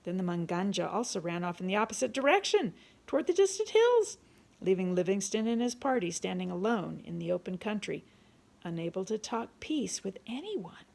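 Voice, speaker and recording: A grandmotherly woman over sixty reading a chapter book aloud in a calm, steady storytelling manner. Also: mid-range voice, a little fast, vocal fry.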